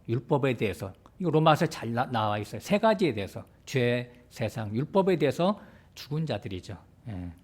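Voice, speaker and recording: A pastor preaching a sermon, explaining step by step and asking the congregation rhetorical questions. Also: male voice, mid-range voice, darkish tone.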